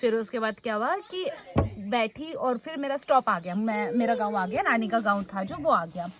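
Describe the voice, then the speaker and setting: A young woman with a fairly high voice chats to camera as a travel vlogger. She retells her story in a lively, casual way and fills it with little filler words. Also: moderate pace, a crowd in the background. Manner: chatty, animated retelling full of fillers.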